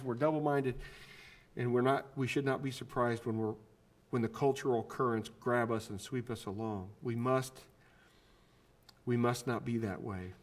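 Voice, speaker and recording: A male pastor preaching a sermon in a conversational way, often restarting his sentences and acting out the quoted voices. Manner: acts out quoted voices with lively pitch swings.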